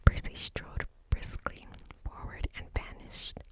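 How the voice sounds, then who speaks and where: A woman reading a story aloud in an ASMR whisper, barely audible and unvoiced, with tingly mouth sounds. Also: slow.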